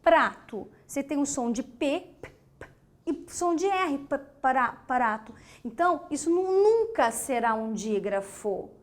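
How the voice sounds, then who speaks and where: A woman's voice: sits high, expressive, measured pace. A woman teacher with a Brazilian Portuguese accent giving a grammar lesson, emphatic, repeating key words and checking in with the class.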